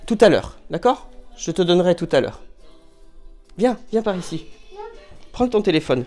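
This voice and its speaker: A man's voice: sits high, sing-song, normal speed, darkish tone, faint music behind. A man teaching young children from home, patiently spelling out syllables and counting down with a small child nearby.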